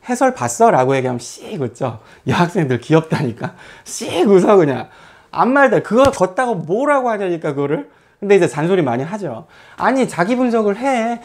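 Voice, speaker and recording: A man lecturing his math academy students in a blunt, scolding tone. His pitch swings up and down, and he keeps firing rhetorical questions at them. He lets casual swear words slip in as he talks. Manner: lively, lots of rhetorical questions.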